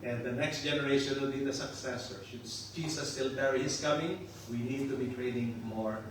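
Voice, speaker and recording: The casual sermon comes from an older pastor from the Philippines, his Filipino accent tinged with Australian, who is chatty, jokes, and laughs often. Medium-pitched and brisk, he is recorded from a distance, so his voice rings in a very reverberant room over a steady hiss.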